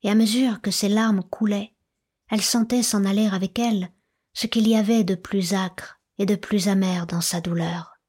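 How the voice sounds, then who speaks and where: A woman reads a classic novel aloud in a soft, measured voice that drifts into whispers. Her tone is very breathy and husky. She keeps a flat, even delivery with little rise and fall. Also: mid-range voice. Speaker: audiobook narrator. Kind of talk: literary audiobook narration.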